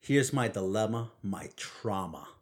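A man's voice: fairly low pitch, lively intonation, a little slow. A man with a Brooklyn accent, a native Spanish speaker, bantering emphatically as a co-host in casual chat. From Brooklyn, New York.

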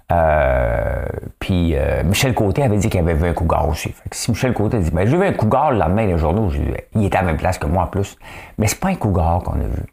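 This solo online show host has a low, darkish voice with vocal fry and a Quebec French accent. His commentary is casual and chatty, full of joking asides and repeated "hein?" tag questions.

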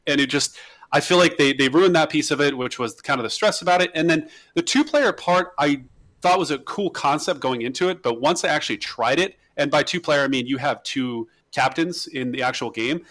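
A man co-hosting a podcast, chatting casually about video games, animated and ranting, often restarting his words. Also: a little high, brisk. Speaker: podcast co-host.

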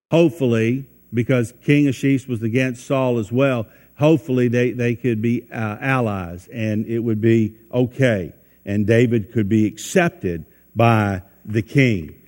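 A man's voice: mid-range voice, darkish tone, long reverb tail. A man preaching a sermon, folksy, asking his listeners questions and acting out the people in the story. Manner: folksy, asks the listeners questions, acts out quotes.

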